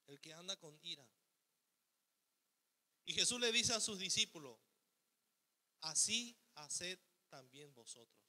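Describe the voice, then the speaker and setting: A man's voice: on the high side, pushed and bright. A man preaching a sermon as pastor, asking rhetorical questions and acting out the voice of the selfish ego. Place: church hall. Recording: long hall reverb.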